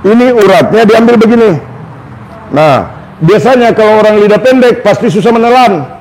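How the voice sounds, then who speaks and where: A man working as a massage therapist, calmly instructing and demonstrating on a patient step by step. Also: high-pitched, normal speed, slight background noise, poor audio. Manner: coaching and instructing step by step, calls out words to repeat.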